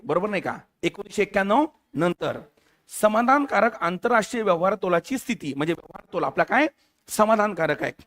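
Firing questions at his class and slipping English terms into his talk, this male teacher gives a competitive-exam lecture in a high, slightly bright voice.

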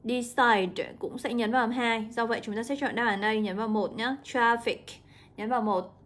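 A young woman, an English teacher walking students through an exam, drawing out example words slowly. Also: on the high side, steady tone. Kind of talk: exam walkthrough lesson.

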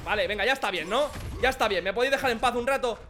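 A young man with a Spain Spanish accent, joking and shouting excitedly as he commentates a video game. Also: extremely high pitch, very fast, a little hiss or hum. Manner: excitable, jokey, shouts at enemies. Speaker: gaming commentator. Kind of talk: let's play commentary.

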